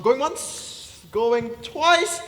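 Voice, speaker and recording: A man's voice: very high voice, drawn-out words, background noise, heavily acted. An actor playing a smug showman gallery owner, calling out bids in auctioneer's patter on a musical theatre stage. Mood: excited selling. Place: large indoor performance hall. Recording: echoey hall recording with faint music.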